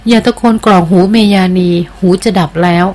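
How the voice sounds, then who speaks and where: A woman's voice: mid-range voice, steady tone, brisk, darkish tone, close to an everyday voice. A woman reading a devoted, respectful jungle queen. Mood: earnest. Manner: deferential and earnest. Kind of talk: audiobook character reading.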